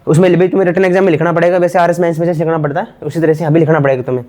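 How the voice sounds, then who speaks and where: Fast-talking male grammar teacher. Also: a little high, fairly even intonation, a little mellow. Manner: repetitive, quizzing himself aloud; casual, addresses students as bhai. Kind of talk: exam prep lesson.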